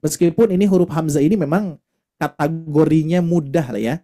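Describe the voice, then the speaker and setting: A man teaching a Quran recitation class, explaining patiently and demonstrating letter sounds, often ending phrases with a soft tag word. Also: fairly high pitch, fairly quick.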